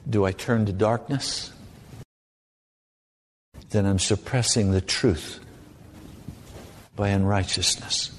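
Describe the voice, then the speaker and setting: A man preaching a sermon, gravely warning of judgment and urging listeners on with deliberate repetition and pointed questions. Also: fairly low pitch, fairly even intonation. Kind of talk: sermon to a congregation. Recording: long hall reverb.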